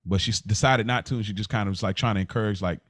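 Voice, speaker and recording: Speaking on the low side at a racing clip, this podcast co-host has a fairly bright tone as he casually recounts personal stories, repeating words and restarting phrases often. The sound is clean studio audio without room sound.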